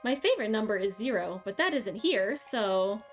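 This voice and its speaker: A woman reading aloud the lines of a smug, cruel young woman in a game, in a calm, taunting way. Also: mid-range voice, normal speed, soft background music, natural voice.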